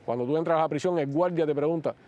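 Fast-talking Cuban man telling stories. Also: fairly high pitch, highs cut off. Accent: Cuban Spanish. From Cuba. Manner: animated, acts out quoted speech. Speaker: guest, former prisoner. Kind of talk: interview storytelling.

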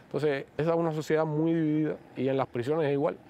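A man with a Cuban accent, a guest recounting his years in prison in an animated interview manner. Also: on the high side, quick pace, highs cut off. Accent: Cuban Spanish. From Cuba. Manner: animated, acts out quoted speech. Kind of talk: interview storytelling.

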